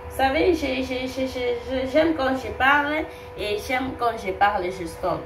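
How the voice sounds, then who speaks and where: This young woman's voice sits high and moves a little slowly, and she has a cold. Doing a makeup tutorial as a beauty vlogger, she chats and repeats herself with plenty of fillers; the home recording sounds distant, roomy, and noisy.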